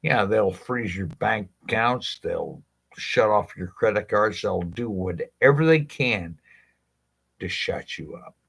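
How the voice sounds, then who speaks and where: A man's voice: fairly low pitch, lively intonation, slow pace, gravelly, a bit bright. A man, a legal rights advocate, speaking directly to his viewers in a blunt, impassioned monologue, swearing freely and asking rhetorical questions.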